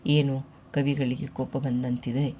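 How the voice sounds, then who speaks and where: A storyteller voicing a young pregnant wife who speaks softly and coaxingly to her husband. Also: rumbling low, flat delivery, unhurried, a little hiss or hum. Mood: teasing.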